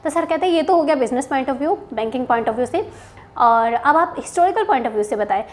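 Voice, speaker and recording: A woman's voice: high-pitched, animated, moderate pace. A young woman from Haryana, a bank officer, casually telling the story of her job interview to her viewers, chatty and mixing in English phrases. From Haryana, India. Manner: chatty, mixes Hindi and English, frequent "theek hai" asides.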